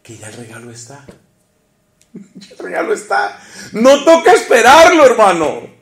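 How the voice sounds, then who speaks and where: Animated priest preaching. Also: male voice, extremely high pitch, unhurried, echoey room. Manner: animated, asks the congregation questions, dramatic shifts between loud and hushed. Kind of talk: sermon.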